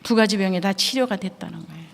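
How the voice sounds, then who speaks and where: Older female missionary, heartfelt storytelling sermon, medium pitch, echoing sanctuary. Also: fast talker. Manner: emotional, storytelling with quoted dialogue. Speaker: missionary preacher. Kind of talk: testimony sermon. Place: church sanctuary. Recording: long church hall reverb.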